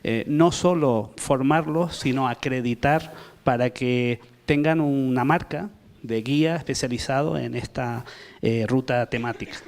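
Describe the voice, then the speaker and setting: A man's voice: medium pitch, a little slow, gravelly, darkish tone. A man from the Canary Islands, an audience member putting long, polite questions to a workshop panel. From Canary Islands, Spain.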